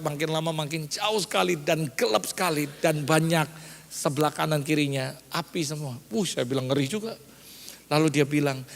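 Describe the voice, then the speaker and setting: A male pastor preaching a sermon, mixing in English phrases and building up to loud, emphatic lines. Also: on the high side, vocal fry, big-room sound.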